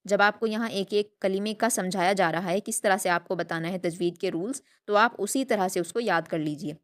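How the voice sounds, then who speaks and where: A woman teaching a Quran recitation class, patiently explaining rules and drawing out syllables slowly for her students to copy. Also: mid-range voice. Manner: patient, repeats syllables slowly and drawn out for practice; asks rhetorical check questions. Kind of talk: online tajweed lesson.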